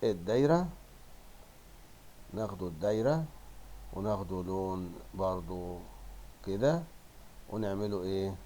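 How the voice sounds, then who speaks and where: A male teacher with an Egyptian accent giving a primary school Arabic lesson, drawing out words slowly and praising pupils. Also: sits low, dark tone, a little hiss or hum. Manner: coaxing, drawn-out word modeling with praise.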